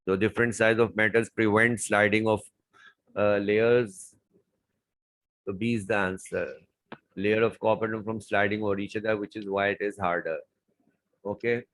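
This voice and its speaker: A male chemistry tutor works through exam questions one by one. His voice sits low, and he circles back over key terms to drill them in. The recording is close and dry, with no room sound. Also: little pitch movement, a little slow, pauses often, fairly bright tone, no echo, poor audio. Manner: explains step by step, repeats key words. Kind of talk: exam paper walkthrough lesson.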